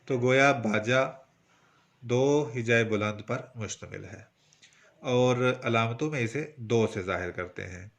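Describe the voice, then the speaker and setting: Brief: Pakistani man with a Punjabi-tinged accent, mid-pitched voice, poetry teacher, slow and methodical, sounds out syllables. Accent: Punjabi-influenced Urdu. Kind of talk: instructional lesson.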